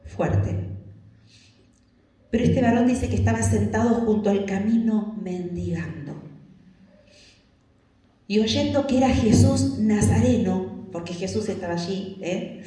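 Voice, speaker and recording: A woman's voice: mid-range voice, measured pace, long pauses, warm tone. A woman preacher, telling a Bible story in a sermon and acting out its cries with long, raised calls. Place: church. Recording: very echoey church hall.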